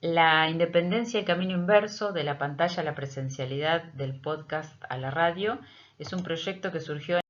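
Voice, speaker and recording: Speaking in a deep voice, a middle-aged teacher from Argentina presents a project, her prepared delivery measured and hesitant with many pauses. The recording sounds dull and lo-fi.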